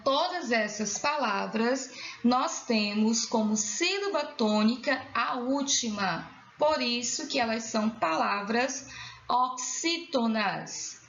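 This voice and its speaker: A woman teacher with a Brazilian Portuguese accent, giving a recorded school lesson for children in a slow, clear, drawn-out voice. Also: fairly high pitch, fairly bright tone, slight background noise. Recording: dull lo-fi sound in an echoey room.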